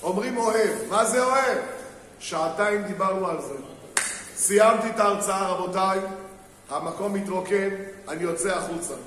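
A man's voice: high voice, a bit bright. A man giving a rabbi's sermon on marriage to a live audience, telling stories, acting out the people in them and putting questions to the crowd. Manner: storytelling, acts out quoted people, asks the crowd questions. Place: synagogue hall with an audience. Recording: very echoey hall, faint background noise.

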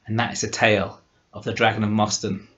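Man, Cheshire English accent, folk storyteller, lively and dramatic, low voice, dull lo-fi recording. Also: brisk. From Cheshire, England. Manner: lively, dramatic, warmly humorous.

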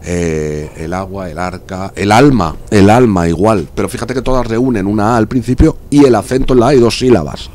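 A man's voice: fairly low pitch, moderate pace, few pauses, darkish tone, slight background noise. A man with a Spanish accent from Spain, chatting casually while live-streaming a video game, arguing his point and reading out viewer messages. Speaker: gaming streamer.

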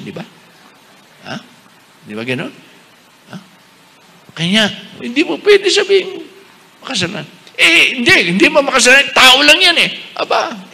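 An older man, a bishop, giving a lively sermon to a congregation, asking them questions and acting out other voices. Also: on the high side, gravelly. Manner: animated, asks the crowd questions, acts out voices. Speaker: bishop preaching. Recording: long hall reverb.

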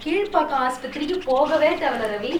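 A woman's voice: high voice, expressive, quick pace. A woman with a Chennai Tamil accent in a bickering comedy skit, scolding and confrontational in colloquial speech.

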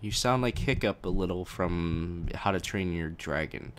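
A young man with a deep, unhurried, fairly bright voice chats casually on a live stream, answering viewers' questions about his game mod. He reads the questions from chat aloud and rambles slightly while faint game music plays.

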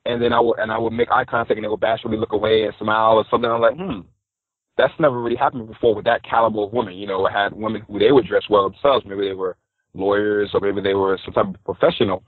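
A New York City man, a style coach appearing as a podcast guest, tells stories in a casual interview, animatedly acting out what other people said. His voice sits on the low side and moves quickly, with phone-quality sound and no room noise.

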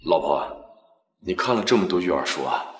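A selfish scheming husband. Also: male voice, deep voice, animated, moderate pace, reverberant. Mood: coaxing. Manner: dismissive to his wife, coaxing when asking favors. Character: selfish young husband, cold, scheming, wheedling. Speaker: callous husband. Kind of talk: short web drama acting.

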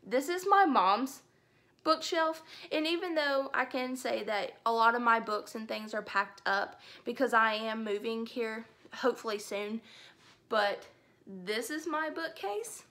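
A book vlogger in her twenties from Alabama chats casually to camera about herself in a home room lined with bookshelves. Her fairly high voice is creaky, bright, and forceful, and she comes across as upbeat and enthusiastic.

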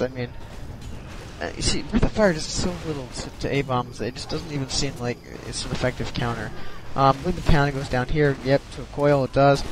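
A man with a medium-pitched voice gives offhand commentary on a strategy game replay over a noisy background. Yawning and drowsy, he keeps hesitating, saying um and starting over.

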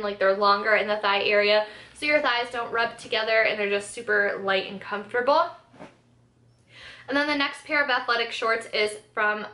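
A woman's voice: a little high, sharp tone. A woman in her twenties chatting casually in an upbeat, chatty way as she shows off clothes in a vlog. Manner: chatty, upbeat, filler-heavy. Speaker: fashion and beauty vlogger. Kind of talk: casual clothing haul chat. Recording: echoey room with faint hiss.

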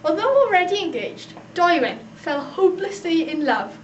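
A woman's voice: very high voice, sing-song, moderate pace, muffled recording. A young adult woman with a South Wales Valleys accent, presenting an amateur explainer video. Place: small computer room, living room and shopping streets. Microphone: camcorder microphone a few feet away. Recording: roomy echo with clear background noise.

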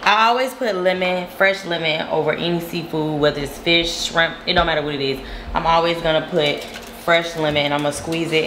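A young woman chatting casually as she walks viewers through a recipe in her home kitchen. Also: deep voice. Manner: chatty, explains each step to viewers. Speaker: cooking vlogger. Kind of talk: casual cooking demo. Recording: loud kitchen noise behind.

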